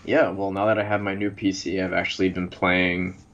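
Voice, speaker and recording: A man's voice: sits low, flat delivery, normal speed, fairly bright tone. A man chatting casually as a podcast co-host, blunt, sarcastic and swearing freely, his voice muffled and hollow as if inside a fishbowl. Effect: muffled, hollow sound as if inside a fishbowl. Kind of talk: casual chat.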